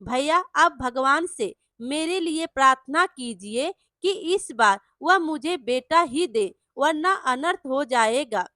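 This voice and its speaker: A woman voicing a sad, anxious young village wife in a storybook tale, speaking softly and downcast. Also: high voice, lively intonation, slow pace, few pauses, no room sound, clean studio sound, heavily acted. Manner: soft, downcast.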